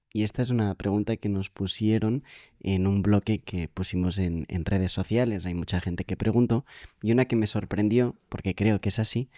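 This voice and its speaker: Low-voiced male interviewer. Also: warm tone, no room sound, studio quality. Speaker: interview host. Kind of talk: interview questioning.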